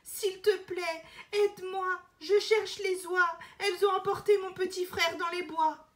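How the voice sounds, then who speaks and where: A desperate little girl begging for help in a storybook, as a woman reads her. Her voice climbs high and pushes forward with urgency. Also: fairly even intonation, unhurried, a bit bright. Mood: pleading.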